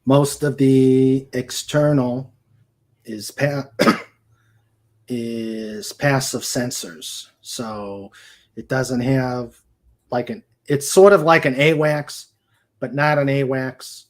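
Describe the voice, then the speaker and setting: As co-host of a livestream, a man chats casually in a steady, mid-range voice. He speaks haltingly and often searches for his words.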